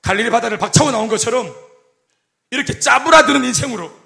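A middle-aged man preaching a sermon as pastor, animated and joking, acting out quoted voices. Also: very high-pitched, quick pace, vocal fry. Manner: animated, acts out quoted voices and jokes with the congregation.

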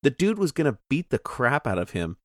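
A man's voice: mid-range voice, sing-song, fairly quick, no room sound, studio quality. A man co-hosting a casual movie discussion, talking in rambling, self-interrupting bursts. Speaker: podcast co-host.

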